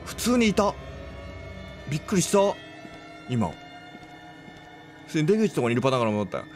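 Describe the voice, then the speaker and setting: A man casually commentating his playthrough of a horror game, chatty and quick to react with exclamations. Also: fairly high pitch, big pitch swings, a little mellow, soft background music.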